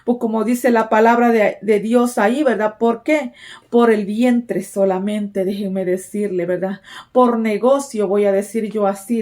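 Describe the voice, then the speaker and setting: A woman delivers a sermon to her congregation in a slightly high voice. She speaks earnestly and exhorts her listeners, checking in with them again and again and circling back over her points. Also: a little mellow. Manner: repeats "¿verdad?" and "déjenme decirle" as fillers. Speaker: preacher.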